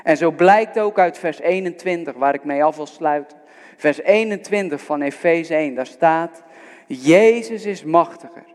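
Guy preaching a sermon, high voice, earnest, pushing the crowd, big echoey church hall. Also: a little slow. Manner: earnest, exhorting, speaks directly to listeners. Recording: long reverb of a large hall.

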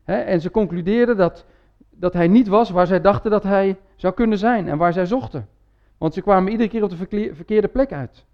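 A man's voice: sits high, a little fast, lo-fi sound. A man preaching a sermon in a church, talking in a conversational way with frequent tag words and restarts. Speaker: pastor.

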